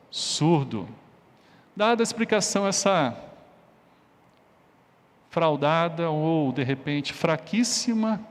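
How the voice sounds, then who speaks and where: A male pastor preaches, moving from storytelling to emphatic exhortation. His voice sits fairly high for a man. A long church reverb follows every phrase. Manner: emphatic, explanatory, rising on exhortations. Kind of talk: sermon with a storytelling illustration.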